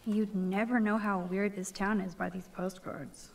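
Thoughtful young student, soft and low-key. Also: female voice, flat delivery, measured pace, gravelly, slight background noise. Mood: earnest. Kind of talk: video game voice acting.

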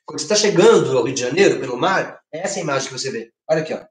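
Lively Brazilian teacher in an echoey room. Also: male voice, on the high side, racing. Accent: Brazilian Portuguese. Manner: lively, gesturing, asks frequent tag questions. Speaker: literature teacher. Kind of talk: online exam-prep lesson. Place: home living room with a projected screen.

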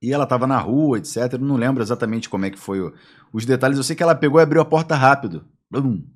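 A man's voice: medium pitch, quick pace. A man with a Brazilian accent telling anecdotes as a podcast guest, acting out the voices in his stories. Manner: animated, acts out voices in anecdotes. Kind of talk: casual storytelling.

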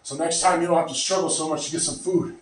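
A man's voice: a little high, fairly even intonation, fast talker. A man in his thirties, out of breath after lifting, rambling casually to the camera in a small home gym. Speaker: fitness vlogger. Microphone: far camera. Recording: very echoey room, from far off.

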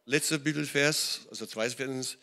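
A man's voice: mid-range voice, moderate pace, gravelly, pushed and bright. A middle-aged man with a German accent, preaching a sermon in a church and often checking in with his listeners. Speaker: pastor. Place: church hall.

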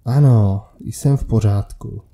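A dazed young man in a creepy story talks in a flat monotone, as a male narrator puts him on. The voice is very dark and mellow. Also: lowish voice, gravelly.

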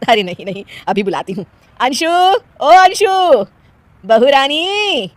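A loud, scolding mother-in-law from an animated story, voiced by a woman, quick to take offence. Her voice is raised and lively, with a dry, close sound. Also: high-pitched, dry recording, pitched above the performer's own voice, full character voice.

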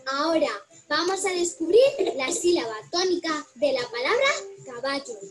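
A woman with a Spain accent narrating a children's video, slow and sing-song, drawing words out syllable by syllable. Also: sits high, expressive. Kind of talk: cheerful scripted narration for children. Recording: video played over a call with faint music.

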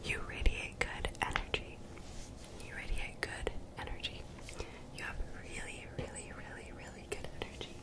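Young female, fully whispered ASMR, soothing and encouraging, repeats phrases, very close on the mic. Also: moderate pace. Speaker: ASMR video creator. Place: small bedroom, indoors. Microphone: desktop condenser mic, very close.

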